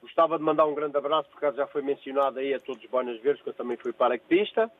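A man's voice: mid-range voice, quick pace. An older man born in Angola, calling in from work to a radio show, chatting and often repeating himself. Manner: repeats phrases, hesitant restarts. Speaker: caller. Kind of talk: phone-in chat. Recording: tinny phone line.

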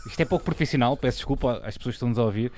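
A man with a European Portuguese accent hosting a radio show, joking and quickly correcting himself in casual banter. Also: mid-range voice, a little mellow, no room sound.

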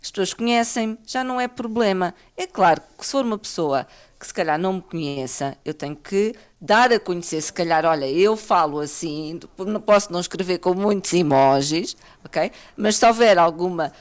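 Assertive European Portuguese woman, panel guest, animated with frequent restarts. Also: lowish voice, fairly quick. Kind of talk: casual panel discussion.

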